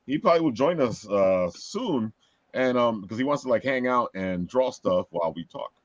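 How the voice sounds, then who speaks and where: A man's voice: mid-range voice, animated, normal speed, no room sound, lo-fi sound. A man with a Brooklyn accent hosting a show in casual, chatty talk. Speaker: host of a comics and convention talk show. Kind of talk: casual chat.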